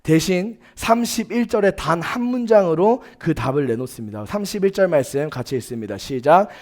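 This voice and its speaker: A young man preaching to a church youth service, his voice sitting a little high for a man. He speaks earnestly and with emphasis, weaving personal stories and acted-out quotes into the sermon. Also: animated, brisk, darkish tone. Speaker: youth pastor. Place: church sanctuary.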